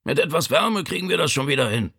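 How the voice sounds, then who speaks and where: A man's voice: fairly high pitch, lively intonation, fast, creaky, bright, forceful tone, slightly rough, voice pushed up, exaggerated voice. A man voicing a stubborn, injured old father who grumbles in a strained, weak voice. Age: older.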